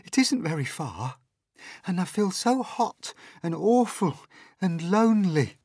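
A storyteller voicing a small, miserable boy who pleads in a breathy, half-whispered voice. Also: mid-range voice, sing-song, unhurried, a little mellow, no echo, studio quality, pitched above the performer's own voice, heavily acted. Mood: pleading.

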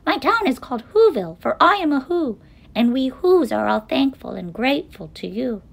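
A tiny mayor of speck-sized storybook people, voiced by a woman. The voice is high and piping, rising and falling in a lively way. The little figure is polite, eager and full of gratitude. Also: normal speed, vocal fry, slightly rough, full character voice. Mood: friendly, proud.

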